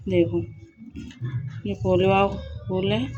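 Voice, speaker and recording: A young woman with a hoarse, sore-throated voice chatting casually to her viewers at home, rambling with restarts. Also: medium pitch, flat delivery, slow, a little mellow, muffled recording, soft background music. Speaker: vlogger. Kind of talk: casual vlog chat to viewers. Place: home, indoors.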